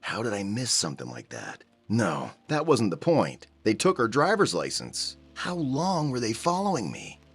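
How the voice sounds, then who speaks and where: A man's voice: mid-range voice, huge pitch swings, moderate pace, hardly any pauses, slightly rough, soft background music. A man reading a horror story aloud as its narrator, tense and acting out the frightened hero's lines.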